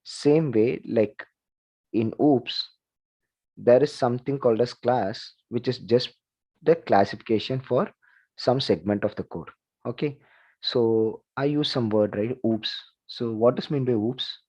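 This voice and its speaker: A man's voice: mid-range voice, a little slow, a little mellow. Dull-sounding male lecturer. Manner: conversational, repeats "like" and "okay", asks the class questions. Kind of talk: online class lecture. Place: video call.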